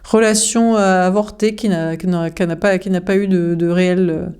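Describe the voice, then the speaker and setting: A woman's voice: fairly low pitch, steady tone, moderate pace, darkish tone, clear, resonant tone. A young woman giving a casual tarot reading, frank and chatty, with many fillers. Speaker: tarot card reader.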